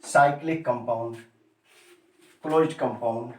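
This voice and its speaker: Speaking at a measured pace in a medium-pitched voice, a man teaches a chemistry lesson, going over key terms repeatedly and firing questions at his students. The recording picks him up from a distance in a reverberant room.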